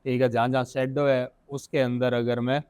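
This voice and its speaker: A man with an Indian accent teaching software in a casual screen-recorded tutorial, thinking aloud and correcting himself as he goes. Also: medium pitch, little pitch movement, normal speed, smooth, no echo. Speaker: software instructor.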